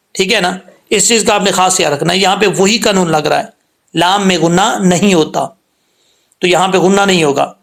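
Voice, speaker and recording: A man teaching the rules of Quran recitation, patiently explaining letter sounds and repeating points, with slow drawn-out demonstrations of each sound. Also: sits high.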